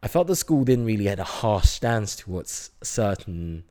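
A man's voice: fairly low pitch, big pitch swings, normal speed, mellow. A man in his twenties from Singapore, a chemistry student chatting casually in an interview, hesitant with many fillers. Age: 20s.

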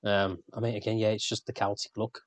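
A man's voice: lowish voice, flat delivery, a little fast, no echo. A man, co-hosting a podcast in casual banter, rambling and swearing freely. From England. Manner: sweary, rambling, laughs often. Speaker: podcast co-host.

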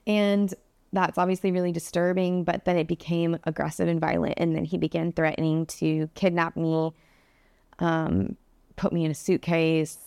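A woman speaks in a lowish, even voice with little rise and fall, telling her story candidly to a podcast host. She talks earnestly and says "like" and "you know" often. The sound is close and dry, with no room echo. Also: moderate pace, gravelly, clean tone. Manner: earnest, candid, many fillers. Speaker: podcast guest. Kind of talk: interview storytelling.

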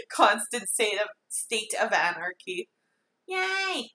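Bright, excitable, lively-pitched woman. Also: takes it slowly. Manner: excitable, rambling, peppered with "like". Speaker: podcast co-host. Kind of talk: casual chat. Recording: roomy echo.

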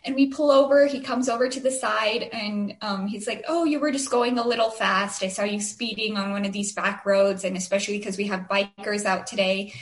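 A young woman from Arizona, co-hosting a podcast and telling a story in animated casual chat, full of "like" fillers and acted-out quotes. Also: mid-range voice, fairly quick, hardly any pauses, roomy sound. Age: young adult. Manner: animated, frequent "like" fillers, acts out quoted voices. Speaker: podcast co-host.

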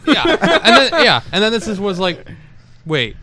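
Bright, lively young man chiming in. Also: high voice, measured pace. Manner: lively, laughing, chimes in. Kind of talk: casual podcast chat.

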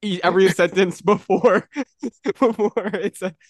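A young man co-hosting a podcast in casual chat, telling stories in an animated way and laughing often. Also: high voice, unhurried, dry recording, studio quality. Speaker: podcast co-host.

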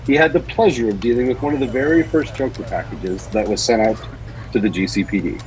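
A man co-hosting a podcast, talking in a relaxed conversational storytelling register. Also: medium pitch, fairly quick, poor audio. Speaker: podcast co-host. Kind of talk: casual chat and dramatic story reading.

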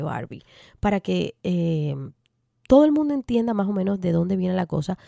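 A woman's voice: fairly low pitch, creaky, dark tone, dry recording, clean studio sound. A woman with a Caribbean Spanish accent hosting a podcast, talking frankly and informally as she gives advice and reads listener letters. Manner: frank, informal, affectionate forms of address. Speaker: podcast host. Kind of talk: casual advice talk, reading out listener letters.

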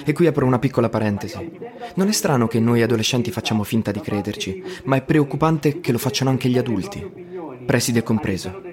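A man's voice: mid-range voice, animated, brisk, crowd noise. A man narrating a story in the first person, wry and ironic in tone.

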